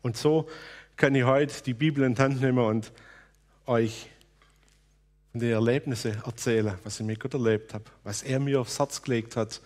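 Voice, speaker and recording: A man's voice: mid-range voice, fairly even intonation, normal speed, darkish tone. A man preaching a sermon, speaking earnestly and personally about his own experiences.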